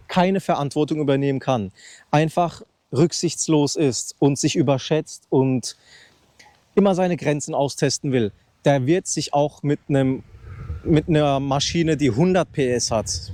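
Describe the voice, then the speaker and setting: Standing outdoors by a loud motorbike, a man in his thirties vlogs unscripted, rambling and restarting as he speaks into a handheld mic raised close to his mouth. His voice is a little high and darkish, with no echo.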